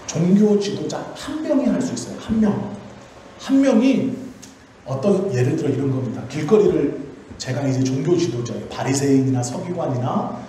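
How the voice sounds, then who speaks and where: A man's voice: fairly high pitch, animated, moderate pace, dark tone, slight background noise. A male pastor giving a Friday prayer sermon in a church, explaining by asking questions and then answering them himself. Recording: very echoey church hall.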